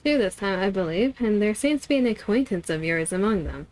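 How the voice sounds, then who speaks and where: A woman voicing a formal, composed and polite female caller from a video game, speaking in a measured way. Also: medium pitch, animated, darkish tone, lightly acted.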